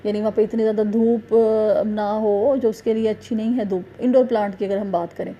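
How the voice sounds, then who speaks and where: A woman teacher giving a revision lecture, speaking haltingly with many drawn-out fillers and self-corrections, patiently repeating points and explaining them with examples. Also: medium pitch, steady tone, dark tone, lo-fi sound, slight background noise.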